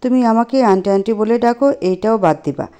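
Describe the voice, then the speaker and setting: A woman's voice: fairly high pitch, a little fast, mellow, natural voice. A woman voicing a stern, scolding middle-aged mother-in-law in a spoken storybook. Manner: scolding, firm.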